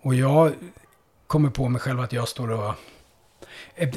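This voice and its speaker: A man who works as a police officer, recounting a hard call-out in a conversation, halting and full of fillers, dropping low and quiet at the heaviest parts. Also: slightly rough. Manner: halting, with many fillers and restarts.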